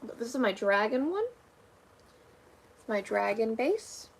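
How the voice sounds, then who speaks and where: A woman's voice: a little high, very animated, a little slow, vocal fry, slightly rough. A young woman livestreaming her craft work, chatting casually with viewers and answering comments, her voice tired from talking. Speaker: livestreamer making fursuits.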